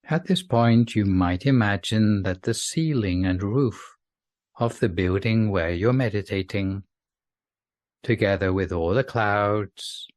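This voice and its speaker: A man with a fairly low voice leads a sleep meditation, speaking very slowly and gently with long pauses between soothing phrases. The sound is dry and close with very little room, and no room sound.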